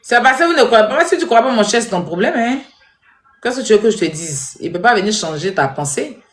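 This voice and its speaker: A woman giving animated, scolding commentary straight to her viewers. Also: fairly high pitch, brisk. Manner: animated, scolding, repetitive, addresses viewers directly. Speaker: social media commentator. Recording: echoey room.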